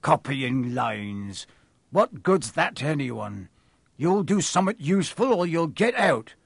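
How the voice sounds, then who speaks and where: A man voicing a gruff, fierce but big-hearted gamekeeper in an audiobook, with blunt, rustic, growling speech. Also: on the high side, lively intonation, unhurried, no room sound, exaggerated voice. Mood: gruff, stern.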